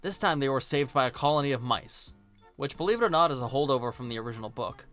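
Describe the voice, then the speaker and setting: A video essayist hosts a casual film review over music, his medium-pitched voice a bit bright, lively in intonation, and quick in pace. He comes across blunt and sarcastic, strongly opinionated, dropping a swear word here and there.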